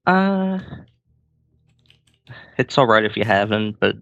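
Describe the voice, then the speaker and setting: Male guest, lowish voice, shy and hesitant, muffled call audio. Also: sing-song, slow pace, gravelly, a bit bright. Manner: hesitant, unsure answers. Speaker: guest on a stream.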